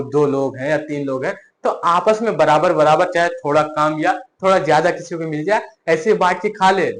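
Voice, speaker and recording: A male teacher telling a fable in a math lesson for children, animated, often asking the listeners questions. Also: fairly high pitch.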